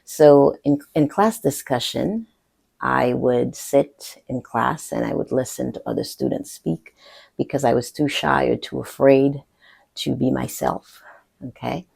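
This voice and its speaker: A woman coach from the Caribbean with a French-accented English, speaking earnestly and thoughtfully in a personal teaching talk, pausing often. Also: a bass voice, creaky, darkish tone, husky. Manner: earnest, thoughtful, with pauses and fillers.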